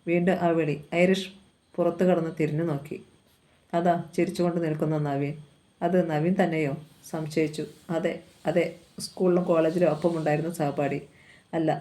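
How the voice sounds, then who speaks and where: A reader narrating a novel aloud in even, unhurried storytelling. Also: medium pitch.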